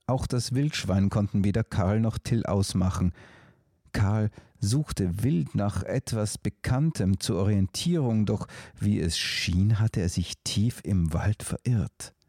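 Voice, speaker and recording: Deep slow-reading male narrator. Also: breathy edge, no room sound, clean studio sound. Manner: calm, measured storytelling. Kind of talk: storybook narration.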